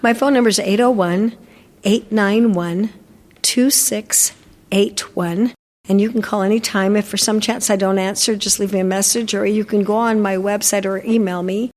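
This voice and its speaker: A woman's voice: mid-range voice, steady tone, moderate pace, a little mellow, in a large hall. An older woman, a dog trainer, chatting in an interview and telling stories with lots of fillers and restarts. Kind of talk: casual interview chat.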